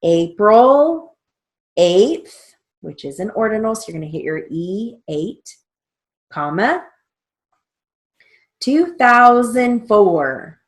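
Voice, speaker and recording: A middle-aged woman teacher dictating a lesson, spelling out letters and punctuation deliberately. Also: mid-range voice, sing-song. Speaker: stenography theory teacher. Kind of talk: instructional lesson with slow dictation. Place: indoors, small room with a plain wall.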